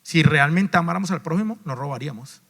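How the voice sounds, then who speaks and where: A male pastor delivers a sermon in a high voice that rises to emphatic declarations, then drops to low, almost muttered asides. He repeats words and restarts phrases as he goes. His voice rings with the long reverb of a large church sanctuary. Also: quick pace, fairly bright tone. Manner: swings between raised emphatic lines and low, near-muttered asides.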